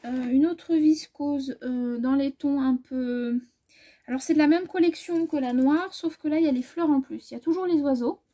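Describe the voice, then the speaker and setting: Speaking at a normal pace in a high voice, a woman from France walks through her fabric haul for a sewing vlog. Her talk is relaxed and meandering, with self-corrections as she measures and frequent soft trailing off.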